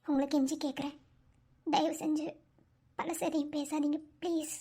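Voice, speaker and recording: A woman voicing a guarded young woman doctor in an animated cartoon, speaking quietly and curtly. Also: high-pitched, normal speed, lightly acted. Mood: cold.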